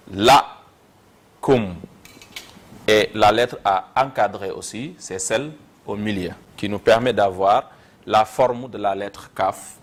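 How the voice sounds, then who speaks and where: Slow, low-voiced Senegalese man teaching. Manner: slow and deliberate, repeats syllables aloud. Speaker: Quran reading teacher. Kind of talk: slow step-by-step lesson.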